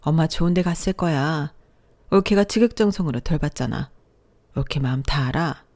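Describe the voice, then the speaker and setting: A woman voicing a middle-aged sister-in-law who comforts kindly and scolds loudly. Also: deep voice, normal speed. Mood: consoling. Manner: loud, scolding outbursts.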